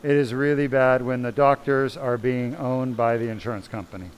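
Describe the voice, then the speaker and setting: A man's voice: medium pitch, fairly even intonation, moderate pace, slight background noise, rough recording. A man, a spine surgeon, giving a blunt, emphatic live question-and-answer talk full of rhetorical questions.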